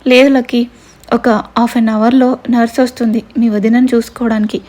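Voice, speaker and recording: Woman doing soft loving dad, soothing, mellow dark tone. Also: a little high, little pitch movement, brisk, lightly acted. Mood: tender. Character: gentle loving young father.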